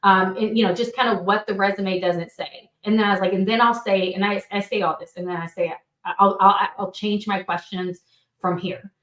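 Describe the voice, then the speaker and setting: A woman guest talks through her thoughts on a podcast, restarting her phrases often. Her voice sits at an ordinary pitch. The recording has a roomy echo around it. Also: steady tone, a bit bright. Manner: halting, with repeated restarts. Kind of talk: casual podcast chat.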